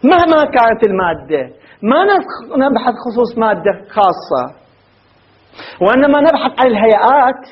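Lively high-voiced male teacher. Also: moderate pace, lo-fi sound. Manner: quizzes students with rhetorical questions, repeats word forms aloud. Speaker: grammar teacher. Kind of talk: classroom lecture.

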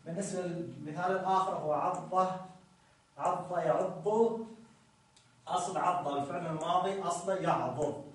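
Guy teaching grammar, slow and repetitive, kinda high voice, super echoey room and he's off the mic. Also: steady tone, recorded from a distance. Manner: slow, repetitive explaining with frequent checks. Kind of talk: Arabic grammar lesson.

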